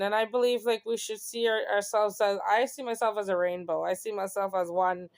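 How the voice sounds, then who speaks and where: A young woman speaks in a casual personal monologue, earnest and reflective, often tagging her thoughts with "you know." Her voice is smooth and resonant, sitting at an ordinary middle pitch. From Canada. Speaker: host.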